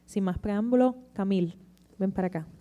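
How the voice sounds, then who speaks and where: A woman's voice: medium pitch, normal speed, lo-fi sound, noisy background. A woman moderating a panel, reading a formal scripted introduction in list-like phrases.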